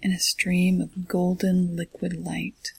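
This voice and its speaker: Soft, slow whispering meditation guide. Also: mid-range voice, completely flat delivery, creaky, slightly rough, no room sound.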